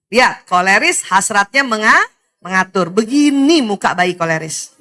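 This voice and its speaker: A middle-aged woman from Indonesia giving a lively religious talk to women, animated, often laughing and speaking straight to her listeners. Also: medium pitch, normal speed. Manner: animated, laughs often, addresses audience directly.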